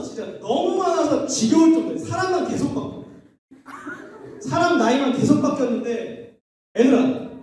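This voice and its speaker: A man's voice: extremely high pitch, darkish tone, slight background noise. A male pastor at a youth retreat, telling stories in a playful way, acting out scenes and leading call-and-response with young listeners. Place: church hall at a youth retreat. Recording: echoey hall, mic at a distance.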